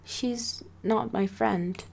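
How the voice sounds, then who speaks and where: A woman's voice: medium pitch, fairly even intonation, very slow, vocal fry, a little mellow, exaggerated voice. A woman reading as a guarded, withdrawn young woman. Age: young adult. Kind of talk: amateur story reading.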